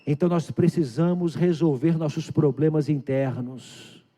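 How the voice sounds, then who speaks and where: A Brazilian pastor delivers a sermon in a high, dark-toned male voice. He preaches emphatically, pressing hard in quick bursts and then dropping to a hush, and he puts questions straight to his congregation. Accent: Brazilian Portuguese. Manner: emphatic preaching, swinging between loud urgent bursts and hushed low passages; addresses the congregation directly with questions. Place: church sanctuary.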